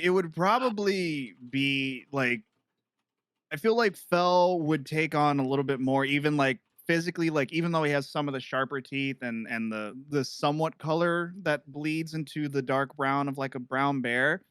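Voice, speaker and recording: A woman's voice: low-pitched, a little slow, a bit bright, clear, resonant tone, dry recording, clean studio sound. A woman playing a tabletop game, thinking aloud hesitantly as she describes her character. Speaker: player. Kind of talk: casual game chat.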